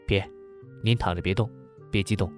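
A man voicing a steady, resolute police chief. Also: deep voice, moderate pace, faint music behind, natural voice. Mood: reassuring. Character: earnest male police chief, newly appointed.

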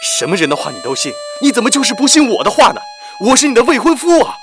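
A man's voice: medium pitch, lively intonation, a little fast, lightly acted. A man voicing a tense young man who pleads in agitation, with music behind. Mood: agitated. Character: tense young man, a cornered undercover agent.

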